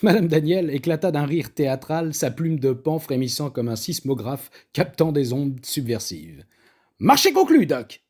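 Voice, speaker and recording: A man reading a comic story aloud with a fairly high voice. He narrates in a lively, theatrical way, leaning into every image. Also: moderate pace, few pauses, husky.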